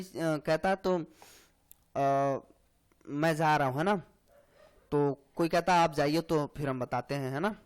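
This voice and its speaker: Male tutor with a high voice, for an exam-prep grammar lesson; slow, repetitive, keeps checking the student follows. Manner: explains slowly, repeats lines, frequent "hai na" and "theek hai". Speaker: Hindi grammar teacher.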